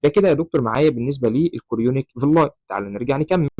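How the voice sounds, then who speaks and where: Rapid-fire Egyptian medical lecturer. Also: male voice, medium pitch, lively intonation, dark tone, slight background noise, rough recording. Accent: Egyptian Arabic. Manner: keeps addressing listener as doctor, mixes English terms into Egyptian Arabic. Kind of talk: explaining embryology slides to students.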